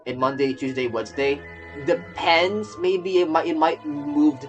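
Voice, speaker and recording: A young adult streamer and virtual YouTuber gives casual, rambling gaming commentary, often repeating phrases, in a medium-pitched, unhurried voice with the highs cut off. The voice sits over soft game music.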